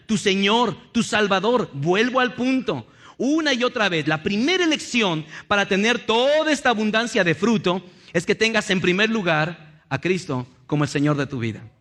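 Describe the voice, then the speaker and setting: A man preaching a lively sermon in a church, acting out little scenes and joking with the congregation. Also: high voice, moderate pace. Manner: animated, acts out little scenes and jokes with the congregation. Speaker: pastor.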